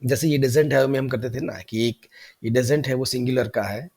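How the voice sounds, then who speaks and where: A man teaching an English grammar lesson, explaining patiently and repeating example sentences slowly. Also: medium pitch, darkish tone, slightly rough. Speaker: English tutor.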